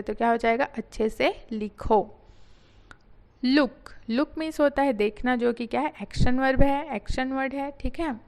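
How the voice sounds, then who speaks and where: A woman teaching English vocabulary in a patient lesson, spelling words out and repeating key phrases slowly. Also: a little high, a little mellow.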